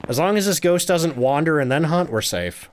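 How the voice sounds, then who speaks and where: A man's voice: on the high side, animated, normal speed. A man streaming a game live, chatting, reading viewer comments aloud and laughing often.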